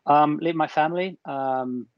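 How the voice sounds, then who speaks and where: A man's voice: fairly high pitch, measured pace, no room sound. A man from Sweden chatting casually as a panel guest, jokey and self-deprecating. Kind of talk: casual podcast chat. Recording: dull lo-fi remote audio.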